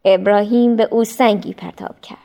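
A woman narrating a storybook in a measured, expressive way. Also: medium pitch, vocal fry. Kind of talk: storybook reading.

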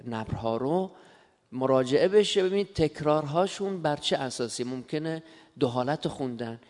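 A man's voice: a little high, animated, darkish tone, long reverb tail. A man taking part in a class, making his point deferentially and apologizing for disagreeing with the teacher. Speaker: class participant.

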